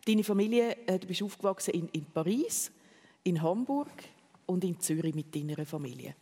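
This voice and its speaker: Swiss German host, curious questions, mid pitch, long reverb. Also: expressive, normal speed, warm tone, slightly rough. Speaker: interview host. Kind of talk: radio interview.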